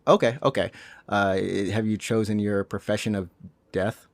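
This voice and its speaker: A young man hosting a casual podcast. He jokes, laughs often and now and then jumps into high silly voices. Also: normal speed, no echo. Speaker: podcast host.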